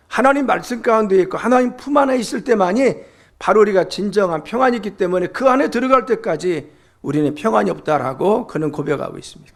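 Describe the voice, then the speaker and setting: A middle-aged man delivers a sermon with a voice that sits notably high for a man and carries a gravelly edge. He preaches earnestly and keeps turning to his listeners with rhetorical questions. The sound is that of a pastor speaking in his church. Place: church sanctuary.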